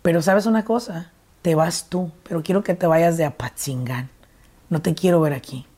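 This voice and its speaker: A woman from Mexico with a Mexican Spanish accent hosts an interview in a fairly low, dark voice at normal speed. Earnest and reflective, she shares her own personal story as part of the conversation.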